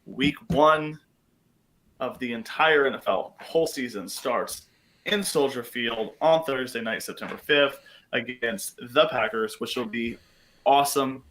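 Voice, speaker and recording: A man co-hosting a sports podcast, talking in a chatty, excitable way with many fillers. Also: mid-range voice, a little slow, poor audio. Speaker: podcast co-host. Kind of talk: casual sports chat.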